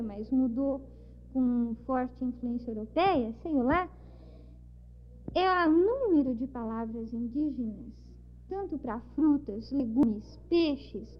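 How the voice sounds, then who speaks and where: A woman's voice: high-pitched, a little hiss or hum. A woman from São Paulo with a São Paulo accent, telling travel stories in an interview and acting out the dialogue. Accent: São Paulo Portuguese. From São Paulo, Brazil. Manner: lively storytelling, acts out dialogue. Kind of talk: recounting travel memories. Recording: dull lo-fi recording.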